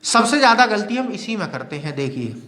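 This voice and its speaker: A man teaching Hindi grammar in a video lecture, asking questions and answering them himself and slowly repeating key words. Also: high-pitched, sing-song, sharp tone. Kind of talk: classroom-style video lecture. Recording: long reverb.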